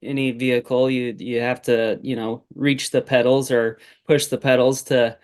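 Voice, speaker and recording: A man in his forties, a farmer guest on a podcast, talking in a relaxed, rambling way with many fillers. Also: medium pitch, moderate pace. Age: 40s. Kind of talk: casual interview chat.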